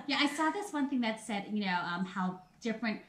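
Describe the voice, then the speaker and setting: A thirty-something woman hosts a casual live stream, chatting personally with her viewers and laughing often as she speaks right to them. Her voice sits a little high, with an expressive, brisk delivery.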